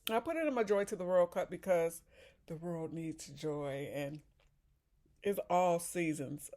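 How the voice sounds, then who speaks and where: A woman's voice: on the low side, unhurried, warm tone. A woman from Chicago chatting casually in a vlog, talking while eating and sipping a drink. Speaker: vlogger. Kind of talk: casual chat.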